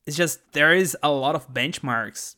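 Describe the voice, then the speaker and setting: This podcast host, a native Portuguese speaker from Brazil in his twenties, has a Brazilian Portuguese accent. His voice sits fairly high, with a sharp tone and a measured pace, and he runs his solo show chattily and enthusiastically, restarting and tossing in asides.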